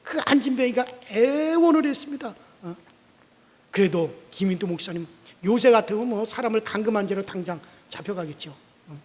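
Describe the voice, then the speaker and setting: High-voiced pastor telling a sermon story. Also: male voice, animated, normal speed. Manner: vivid storytelling, acting out quotes loudly. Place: church sanctuary. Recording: long church reverb.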